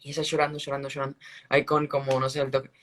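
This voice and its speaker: A man giving a casual faith testimony on a live stream, earnest and halting, restarting his sentences often. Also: medium pitch, monotone, a bit bright. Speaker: guest sharing a faith testimony. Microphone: phone on a live video stream.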